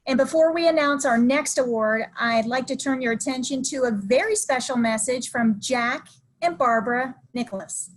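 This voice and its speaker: A woman's voice: high voice, moderate pace, rough recording. A woman presenting at an awards ceremony, upbeat as she reads out prepared announcements.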